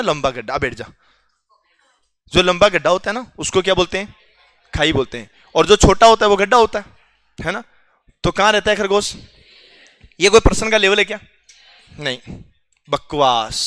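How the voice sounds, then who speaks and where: A man's voice: sits high, expressive, normal speed, long pauses, a bit bright, dry recording, clean studio sound. A male teacher quizzing his students in a classroom, teasing and joking with them as he goes, with a Rajasthani Hindi accent.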